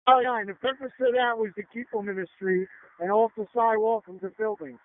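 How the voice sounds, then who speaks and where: A man in police command speaks quickly over the radio in a high-pitched voice. He is blunt and emphatic and repeats his orders. The sound is tinny and tightly band-limited. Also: steady tone.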